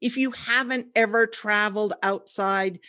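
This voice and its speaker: A woman's voice: mid-range voice, steady tone, a little slow, sharp tone. A woman from the United States hosting a podcast, chatting casually and telling stories with frequent laughter. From United States (Washington state). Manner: chatty storyteller, laughs often. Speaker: podcast host and tour leader. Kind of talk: casual conversational interview.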